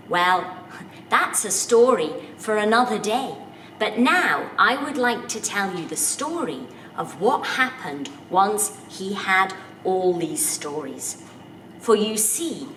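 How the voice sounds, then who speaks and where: A woman telling a folk tale to children in an unhurried, expressive way, speaking directly to her listeners. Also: a little high, distant mic, a little hiss or hum. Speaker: storyteller. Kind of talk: storytelling for children. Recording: roomy echo, voice from off the mic, faint background.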